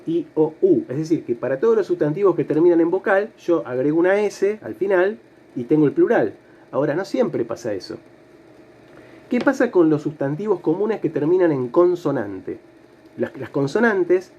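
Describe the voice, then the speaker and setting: A middle-aged man teaches an online class, explaining each step patiently and answering questions he asks in his students' place. His voice sits a little high and sounds mellow. The recording is dull and lo-fi.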